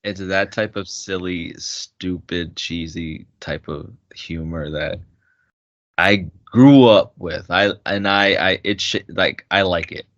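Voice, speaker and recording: In a slow, deep voice, a podcast co-host chats casually and retells movie scenes with lots of laughter and many restarted sentences. He tells stories animatedly, and the audio is dull with no room sound.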